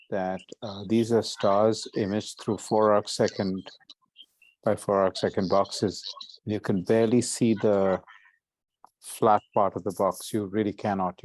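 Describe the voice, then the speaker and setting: Male conference call host, fairly low pitch, casual and courteous, asks plenty of questions. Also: darkish tone, a little hiss or hum, rough recording. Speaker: session host and astronomer.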